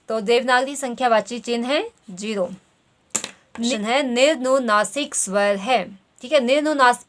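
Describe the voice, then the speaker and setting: A woman teaching grammar, walking through quiz questions and repeating "theek hai" as she explains. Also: a little high. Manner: says "theek hai" constantly, reads options slowly.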